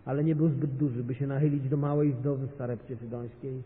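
A man preaching a sermon as a guest pastor, speaking with passion and building to loud, emphatic peaks. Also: mid-range voice, steady tone, quick pace. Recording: tinny phone-like sound in a reverberant hall.

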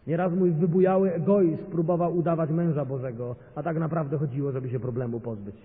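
A man delivers an impassioned sermon as a visiting pastor, his fairly high voice rising to loud, emphatic peaks. The sound is thin and phone-like, with a long reverb from a big hall. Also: steady tone, fairly quick. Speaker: guest pastor.

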